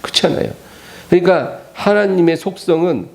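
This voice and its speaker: Male preacher, animated sermon delivery, gravelly and mellow. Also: high voice, normal speed. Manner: animated, acts out the scripture quotes. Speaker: pastor. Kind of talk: weekday sermon.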